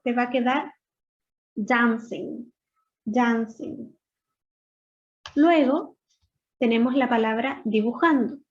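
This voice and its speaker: High-voiced woman teacher, muffled recording. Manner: patient, step-by-step explaining, models English words slowly. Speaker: English teacher. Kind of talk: recorded online lesson explaining grammar and pronunciation. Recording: dull lo-fi voice recording.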